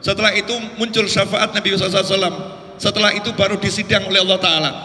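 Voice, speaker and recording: A male preacher giving a lively, casual sermon, telling stories and acting out their voices. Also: high voice, very fast. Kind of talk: lively religious sermon storytelling. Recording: roomy hall reverb.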